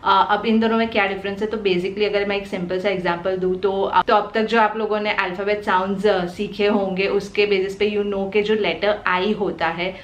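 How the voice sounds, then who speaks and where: A woman's voice: medium pitch, flat delivery, echoey room. Indian woman patiently sounding out phonics. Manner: patient, explains step by step and sounds out letters slowly. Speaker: parenting channel host teaching phonics. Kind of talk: explanatory home teaching video.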